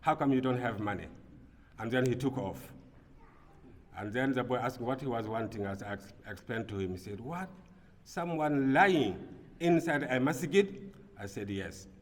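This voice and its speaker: A man from Burkina Faso giving a Friday sermon as imam, earnest, swinging between quiet passages and emphatic bursts. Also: medium pitch, expressive, normal speed. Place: mosque prayer hall. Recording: long reverb of a mosque hall.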